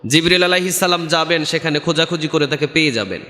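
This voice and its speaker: A male preacher delivers a sermon in a rising and falling chant that slides into song. His voice is bright and forceful, and it rings with a long reverb as if in a large hall. He acts out the people in his story with dramatic swings of pitch. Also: fast talker. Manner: chanting, sweeping pitch swings, acting out quoted speakers. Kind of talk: sung Bengali waz sermon.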